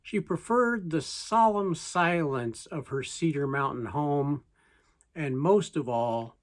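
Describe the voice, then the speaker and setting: A person with a reciting poetry as a story in verse, in a folksy way with deliberate pauses. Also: mid-range voice.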